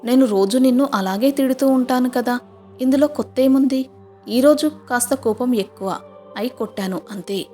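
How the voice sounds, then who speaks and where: A woman doing a gruff, short-tempered husband. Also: high voice, normal speed, dark tone, soft background music, natural voice. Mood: dismissive. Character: young male office husband, short-tempered.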